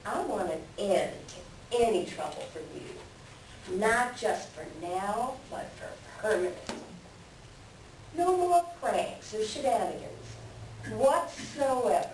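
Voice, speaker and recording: A woman's voice: medium pitch, animated, takes it slowly, a little mellow. A woman playing a sly, self-serving coyote trickster with folksy, rustic speech in a readers theater animal tale. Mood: hard bargaining. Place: library readers theater performance. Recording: roomy, distant mic, faint background noise.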